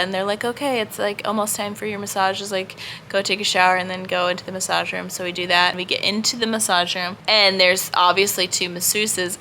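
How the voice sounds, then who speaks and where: A woman's voice: on the low side, sharp tone, a little hiss or hum, poor audio. A young adult woman telling a travel story to her own camera in a casual vlog. She rambles and laughs a lot, and fills her talk with "like". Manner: chatty, rambling, peppered with "like" and laughter. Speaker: vlogger. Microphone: self-facing camera.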